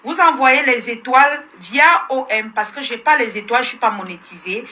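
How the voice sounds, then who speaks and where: High, sharp-voiced Cameroonian woman ranting. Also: moderate pace. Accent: Cameroonian French. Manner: combative, scolding, repeats herself. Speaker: live-stream host. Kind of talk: heated live-stream rant. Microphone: phone live stream.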